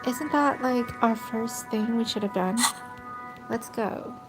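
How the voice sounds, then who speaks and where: A woman's voice: a little high, takes it slowly, over music, poor audio. A young adult woman streaming a game, chatty and giggly, reading lines and thinking aloud. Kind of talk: casual let's play commentary.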